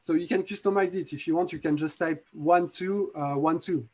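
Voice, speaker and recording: A man with a French accent walks viewers through a magic trick on a live video call. His voice sits a little high, and he explains in halting bursts, restarting his sentences and filling gaps with "uh". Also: a little mellow. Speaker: app developer demonstrating a magic trick. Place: home in a city.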